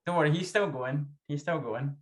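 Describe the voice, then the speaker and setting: A man's voice: on the high side, brisk. Scottish man with a thick accent. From Scotland. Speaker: guest author. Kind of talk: casual interview chat. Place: small home room, video call. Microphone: video call.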